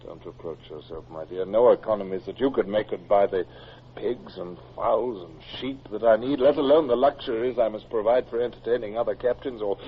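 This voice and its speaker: An actor playing a brooding, dutiful British Royal Navy captain of the Napoleonic era in a radio drama, with a formal, sometimes hesitant manner. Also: male voice, fairly low pitch, breathy edge. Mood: worried. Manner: formal, hesitant, halting when flustered. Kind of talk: radio drama acting with first-person narration. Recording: muffled, noisy old radio drama recording.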